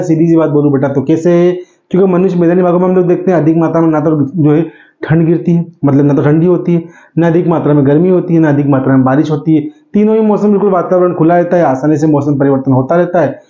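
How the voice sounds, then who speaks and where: A man's voice: high-pitched, mellow, echoey room, lo-fi sound. A man teaching an exam-prep lesson, calling his students 'beta', asking a question and answering it himself, and repeating the answers.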